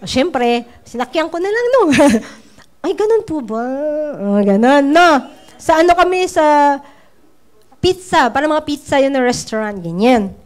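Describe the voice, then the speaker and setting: A woman's voice: high-pitched, big pitch swings, a little slow. A woman business trainer giving a casual training talk, chatty and playful with teasing asides.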